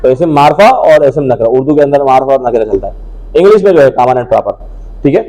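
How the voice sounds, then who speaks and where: A man teaching Arabic grammar to a classroom, loudly and prompting students again and again to answer. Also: mid-range voice, lively intonation, fast talker, rough recording. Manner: drills students with repeated questions and prompts; loud, projecting voice to a class.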